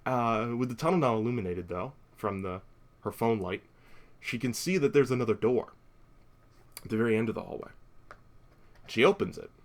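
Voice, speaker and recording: A man's voice: on the low side, creaky. A young man hosting a podcast, recapping a horror movie in a chatty way with wry asides and frequent fillers. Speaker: podcast host.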